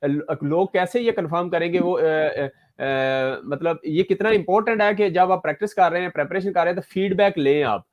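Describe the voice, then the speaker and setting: Male interview host, fairly high voice, halting and searching for words. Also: muffled recording. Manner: hesitant, many fillers when asking questions. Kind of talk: online interview.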